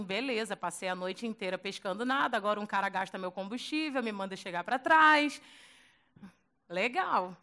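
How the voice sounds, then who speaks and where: A woman preacher with a Brazilian accent, giving a lively storytelling sermon in a playful, slangy way and acting out the scenes. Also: sits high.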